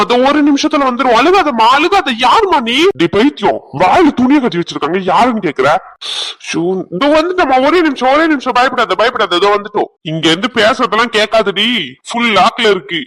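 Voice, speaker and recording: A man's voice: sits high, big pitch swings, a little fast, a bit bright. A man voicing bickering young men in a cartoon, one of them a drunk friend, another a groom.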